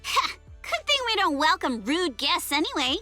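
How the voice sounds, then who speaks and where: Very high, spirited young rich girl. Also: sing-song, moderate pace, pushed and bright, faint music behind, heavily acted. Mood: proud, defiant. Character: proud, plucky young rich girl, student surfer. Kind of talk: anime game voice acting.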